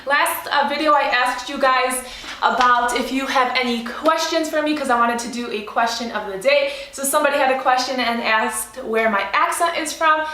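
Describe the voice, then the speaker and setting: Her voice is high, pushed, and bright, moving at a normal speed as the young Polish vegan vlogger chats through a casual cooking video with voice-over. Friendly and full of fillers, she speaks with a Polish-Chicago accent. The room is echoey, with a little hiss or hum.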